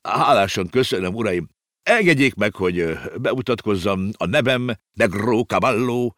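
A man voicing a well-mannered, educated talking horse from the circus who is now out of work, speaking formally and courteously, in a low voice. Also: animated, fairly bright tone, dry recording, clean studio sound. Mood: courteous, aggrieved.

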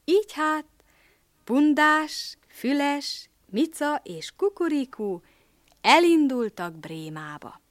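Expressive woman reading a story aloud. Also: sits high, no echo, clean studio sound. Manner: expressive, dropping to a whisper for hushed scenes. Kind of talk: storybook narration.

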